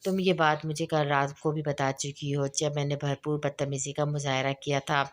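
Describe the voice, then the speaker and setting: A woman's voice: low-pitched, level tone, moderate pace, close to an everyday voice. Woman reading as a bossy young husband. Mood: teasing. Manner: sharp, demanding questions. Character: brusque, possessive young husband. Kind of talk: audiobook novel reading.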